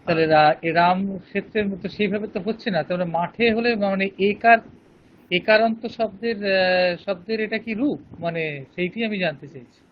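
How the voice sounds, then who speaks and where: A man's voice: sits high, moderate pace, dull audio, a little hiss or hum. A male student in an online class, asking a question hesitantly with many restarts.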